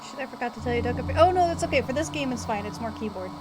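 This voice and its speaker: A woman's voice: a little high, animated, fast talker, background noise. A woman streamer chatting casually as she plays and reacts to a game. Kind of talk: casual let's-play chat. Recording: loud game music behind.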